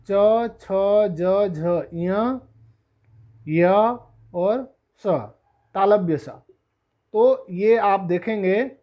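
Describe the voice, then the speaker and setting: A teacher walks through letter sounds at an unhurried, measured pace, saying each letter on its own. Questions come up and get answered right away, and English glosses sit among the terms. The pitch stays at an ordinary middle height. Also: muffled recording. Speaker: Sanskrit teacher. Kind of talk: classroom-style lesson explanation.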